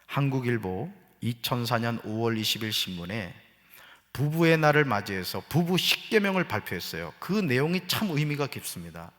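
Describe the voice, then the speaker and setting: Preaching at a moderate pace in a mid-range voice, a middle-aged pastor fills the reverberant sanctuary with jokes and animated quoted voices. After bantering with the congregation, he shifts into an earnest tone.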